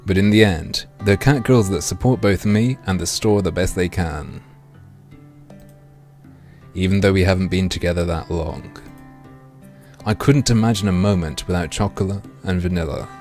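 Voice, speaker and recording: A man livestreaming through a headset mic, reading a game aloud and joking crudely with his chat in a deadpan way. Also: deep voice, moderate pace, long pauses, faint music behind.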